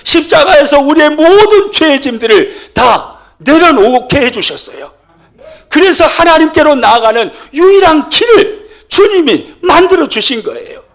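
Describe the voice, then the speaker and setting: A man's voice: very high voice, big pitch swings, moderate pace, gravelly, a bit bright. A middle-aged male pastor preaching a sermon with emphatic, sharply rising and falling delivery.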